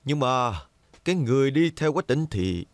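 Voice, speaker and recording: A scheming young lord, voiced by a man in a dubbed martial arts drama. He speaks in a plain mid-pitched voice, recorded close and dry. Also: lively intonation, moderate pace, dry recording, lightly acted.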